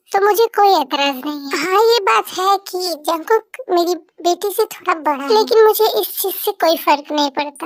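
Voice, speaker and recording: A calm, accepting middle-aged mother from an amateur audio drama who talks in a reassuring way, voiced by a woman. The voice is very high and the recording is dry. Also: dry recording.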